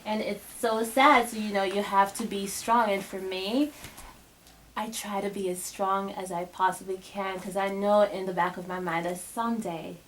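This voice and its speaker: A woman's voice: medium pitch, fairly even intonation, normal speed, fairly bright tone, slight background noise, poor audio. Chatty woman, young adult. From Bahamas. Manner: chatty, laughs often, many fillers and restarts. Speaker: guest speaker to a girls' group. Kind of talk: casual motivational talk.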